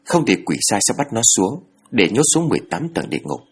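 A man's voice: fairly low pitch, big pitch swings, quick pace, breathy edge, exaggerated voice. A man voicing a stern older female spirit medium who speaks coldly and ominously. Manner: mutters coldly.

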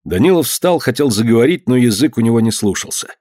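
A man narrates a story aloud with lively, dramatic delivery at a middle pitch. The recording is dry and close, with no room echo. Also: fast.

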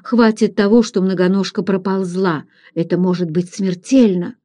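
A woman reading aloud, voicing a gruff, blunt frontier hunter who talks in a low, plain manner. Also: fairly even intonation, moderate pace, dark tone, close to an everyday voice.

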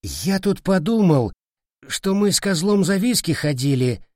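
A man voicing a quiet, plodding male red cap goblin who talks slowly and matter-of-factly. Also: high-pitched, very animated, no echo, clean studio sound, pitched above the performer's own voice. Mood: glum. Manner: slow, quiet, matter-of-fact.

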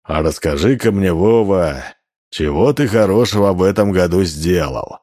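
A man voicing a stern old male winter gift-giver who speaks slowly and deliberately. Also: sits low, darkish tone. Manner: slow, deliberate, frowning.

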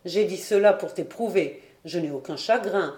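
A woman's voice: fairly low pitch, darkish tone, roomy sound, lightly acted. A woman voicing a breezy, proud middle-aged painter father in a storybook reading. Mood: reassuring. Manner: light, brisk, then cold and clipped.

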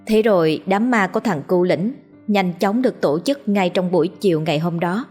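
A woman narrating a ghost story in a steady, dramatic reading voice. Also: on the low side, normal speed, faint music behind.

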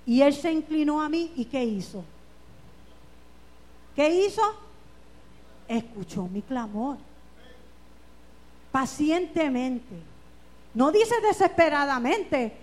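A woman preaching a fervent church sermon, calling out hallelujahs and shouting scripture. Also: high voice, animated, slow, long pauses. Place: church sanctuary.

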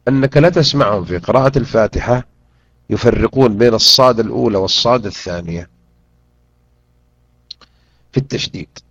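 A man teaching a Quran interpretation lesson, drilling pronunciation and repeating words slowly and deliberately. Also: mid-range voice, fairly bright tone, no room sound. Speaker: Islamic teacher. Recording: dull lo-fi recording.

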